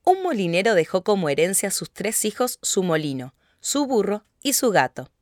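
A woman narrating a children's fairy tale in a steady, clear telling. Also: mid-range voice, moderate pace. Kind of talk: storybook narration.

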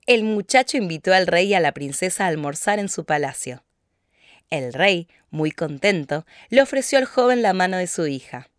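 A woman narrating a children's fairy tale in a steady, clear telling. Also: fairly low pitch, normal speed, no echo, clean studio sound. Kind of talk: storybook narration.

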